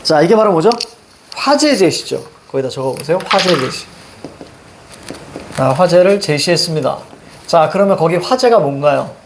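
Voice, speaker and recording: In a classroom with a blackboard, a middle-aged man teaches a reading lesson, animatedly directing students step by step on what to underline and circle as he drills them. His voice is on the high side, at a moderate pace with long pauses and slight background noise.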